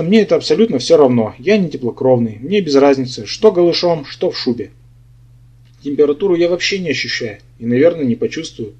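Wry male audiobook narrator, mellow tone. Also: medium pitch, breathy edge. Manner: wry, sardonic storytelling. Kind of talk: first-person humorous fantasy narration. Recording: dull lo-fi audiobook recording.

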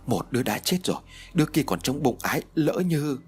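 A man voicing a domineering older woman who talks in a shrill, urgent, bossy way. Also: lively intonation, brisk, darkish tone, a little hiss or hum, natural voice. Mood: anxious.

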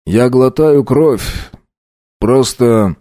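A man playing a weary, dying male doctor who speaks slowly and quietly to comfort his patients. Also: mid-range voice, dry recording, studio quality. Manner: slow, quiet, gently comforting.

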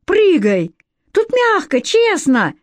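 A woman's voice: on the high side, a little slow, dry recording. A woman doing a bold, reckless twelve-year-old boy. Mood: teasing. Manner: bold, teasing, excitable.

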